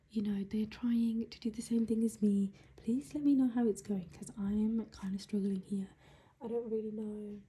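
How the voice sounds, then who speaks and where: A young British woman speaking quietly, largely whispering as if others are asleep, chatting casually as a budgeting vlogger. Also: medium pitch. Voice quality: soft, breathy, largely whispered. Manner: hushed, quiet early-morning voice so as not to wake others. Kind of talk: casual chat while counting cash. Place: indoors at home.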